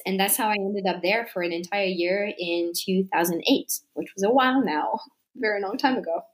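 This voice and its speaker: A woman's voice: medium pitch, a bit bright. A woman in her thirties with a French accent, chatting as an interview guest, with plenty of fillers and frequent laughter. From France. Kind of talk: casual conversational interview.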